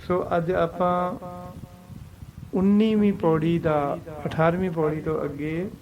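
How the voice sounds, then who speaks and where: Slow, deliberate Punjabi male scripture teacher. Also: fairly high pitch, fairly even intonation, highs cut off, a little hiss or hum. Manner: slow and deliberate, chants scripture lines, mixes in English glosses. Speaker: Gurbani teacher. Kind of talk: slow religious lesson on recitation.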